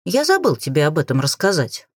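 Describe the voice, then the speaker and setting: A woman's voice: low voice, wildly swooping pitch, brisk, dry recording, clean studio sound, exaggerated voice. Woman playing a cheeky persistent young mage. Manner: playful teasing, dashing grin in the voice.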